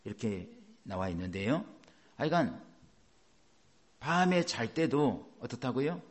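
A middle-aged pastor delivers a sermon with a lively, swinging pitch. He keeps putting questions to the congregation and then answers them himself.

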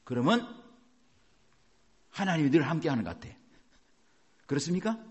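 A man's voice: fairly high pitch, sing-song, moderate pace, darkish tone. A male pastor preaching a sermon, emphatic and asking his congregation rhetorical questions.

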